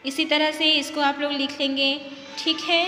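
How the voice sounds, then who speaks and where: A woman's voice: high-pitched, flat delivery, normal speed. A woman teaching a kindergarten Hindi lesson, patiently spelling out words sound by sound and often checking "ठीक है" with the children. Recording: echoey room with faint music.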